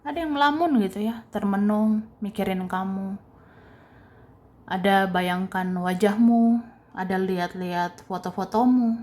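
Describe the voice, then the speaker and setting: A woman's voice: mid-range voice, unhurried, pauses often. A woman giving a chatty, casual tarot reading, repeating points and laughing lightly between them. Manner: chatty, repeats herself, ends phrases with soft tag words. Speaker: tarot reader.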